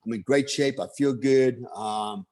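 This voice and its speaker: A man's voice: mid-range voice, unhurried, a little mellow. A man in his fifties who grew up in Germany, telling his life story as a motivational speaker in a rambling way, with many fillers and rhetorical asides. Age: 50s. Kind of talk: personal storytelling monologue.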